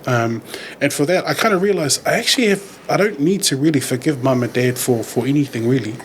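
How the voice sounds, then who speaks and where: A New Zealand community worker, appearing as a podcast guest, talks things through candidly and reflectively at a slightly fast pace. His voice is mid-pitched, he often circles back searching for the right words, and faint background noise hums underneath.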